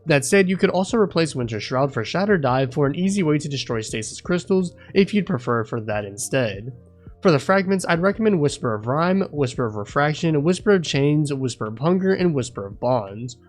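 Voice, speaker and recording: A man reading a scripted voice-over walkthrough in a steady, explanatory way. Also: a little high, brisk, faint music behind. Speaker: video game guide creator.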